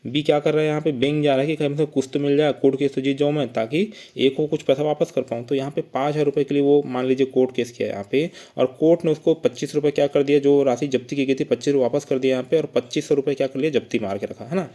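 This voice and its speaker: Male teacher, brisk tutorial delivery, mellow tone, poses questions and answers them himself. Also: mid-range voice, steady tone. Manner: repeats points with frequent tag questions. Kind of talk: accounting lesson.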